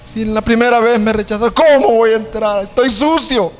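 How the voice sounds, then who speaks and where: A man's voice: a little fast, in a large hall, close to an everyday voice. A man playing a famous male singer who is vain and then desperate, pleading in a raised voice, with a Salvadoran Spanish accent. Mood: despairing. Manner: pleading, high-pitched exclamations.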